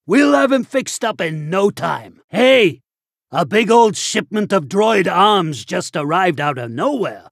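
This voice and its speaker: A trigger-happy wanted doctor from a video game, boastful and threatening. His voice sits high for a male and crackles with gravel. It is very dry and close, with a gruff, slangy swagger. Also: sing-song, slow, no room sound, full character voice. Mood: sly, chatty. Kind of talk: animated video game character acting.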